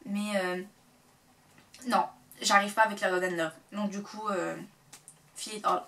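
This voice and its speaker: A woman chatting casually to camera as a vlogger, full of fillers and sudden excited bursts. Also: medium pitch, measured pace, far from the mic.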